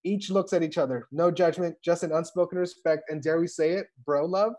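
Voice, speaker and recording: With a slightly mellow voice on the high side and a somewhat fast delivery, a man handles the stage directions during a script table read. He's at home, speaking into a video call microphone.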